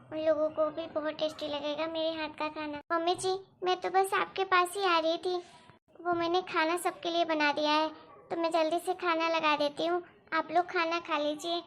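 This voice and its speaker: A very high, soft-spoken young bride in a cartoon story, eager to please, played by a woman. Her sweet, pleading voice sounds earnest and a little anxious. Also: little pitch movement, normal speed. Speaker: daughter-in-law. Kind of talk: animated story voice acting.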